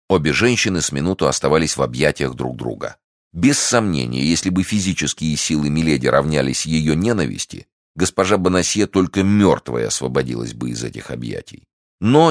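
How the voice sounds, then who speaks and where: A man reading a classic novel aloud in a measured, even way. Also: extremely low pitch, dry recording, studio quality. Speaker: audiobook reader.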